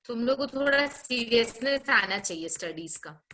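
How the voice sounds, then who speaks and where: Bright-voiced woman teacher scolding online class. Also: a little high, lively intonation, a little hiss or hum. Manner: scolding, brisk, frequent tag questions. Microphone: video call.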